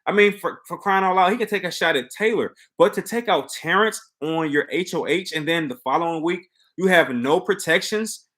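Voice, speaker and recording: A man's voice: high voice, normal speed, few pauses, fairly bright tone. Man giving emphatic reality-show commentary. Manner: conversational, rhetorical questions, emphatic repetition. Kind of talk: live opinionated game commentary.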